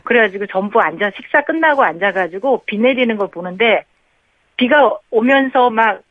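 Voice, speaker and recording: A woman's voice: fairly high pitch, lively intonation, moderate pace, no echo. A woman calls in to a radio show and is heard over a narrow, tinny phone line. She chats cheerfully and easily, telling a story with plenty of small asides. The line sounds dry and close, with no room around it. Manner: chatty, cheerfully tells a family story. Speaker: radio call-in quiz contestant.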